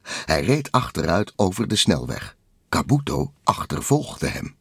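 A man narrating a children's storybook in a lively, expressive way. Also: deep voice, creaky, breathy edge, no echo, clean studio sound. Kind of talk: storybook read-aloud narration.

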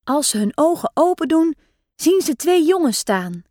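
A woman reading a children's story aloud in a lively, expressive way. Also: sits high, normal speed, no echo, studio quality.

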